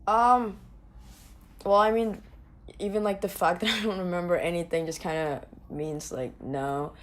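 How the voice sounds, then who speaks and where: Young female guest from Indonesia, slightly low voice, casual and hesitant. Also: fairly even intonation, a little slow. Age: young adult. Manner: hesitant, many restarts and likes. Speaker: podcast guest. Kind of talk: casual podcast chat.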